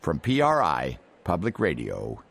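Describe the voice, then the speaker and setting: A radio host with a very low, gravelly voice closes out a segment. His delivery is measured yet lively in its rise and fall. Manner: measured, announcer-like sign-off. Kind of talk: program announcement.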